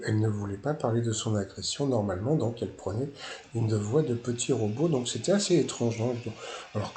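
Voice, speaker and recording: Casting: male online commentator, mid-range voice, halting casual delivery, roomy sound with slight noise. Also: medium pitch, darkish tone. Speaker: YouTube commentator. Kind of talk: casual spoken commentary on TV news. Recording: echoey room with faint noise.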